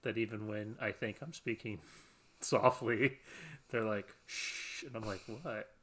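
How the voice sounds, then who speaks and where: A podcast co-host chats casually in a rambling, self-deprecating manner, laughing often. His lowish voice stays fairly even in intonation at a measured pace, with noise in the background.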